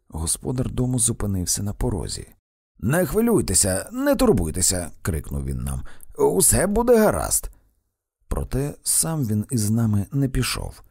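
Low, husky male audiobook narrator. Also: dry recording, clean studio sound. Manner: expressive, dramatic reading. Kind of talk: first-person audiobook narration.

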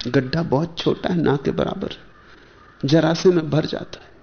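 A man, a spiritual teacher, giving a discourse in measured short phrases with pauses and rhetorical questions. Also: fairly high pitch. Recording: dull lo-fi archival lecture tape.

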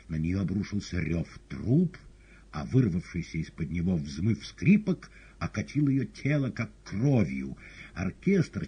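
A man narrating a novel as an audiobook in an expressive, dramatic reading. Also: deep voice, husky, dull audio. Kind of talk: scripted literary narration.

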